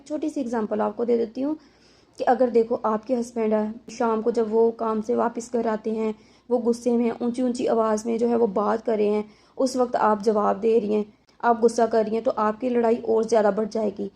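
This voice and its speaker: A woman's voice: fairly high pitch, little pitch movement, creaky, mellow. A woman hosting an advice channel, talking to viewers conversationally and explaining with everyday examples and rhetorical questions.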